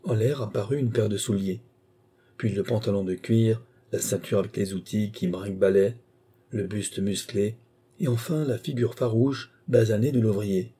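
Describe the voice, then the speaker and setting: A man calmly narrating an audiobook story. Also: on the low side, husky. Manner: calm, measured storytelling.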